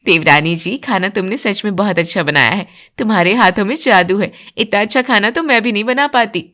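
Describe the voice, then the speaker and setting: Woman voicing a timid, gentle elder wife. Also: mid-range voice, a little fast, close to an everyday voice. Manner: soft, cautious.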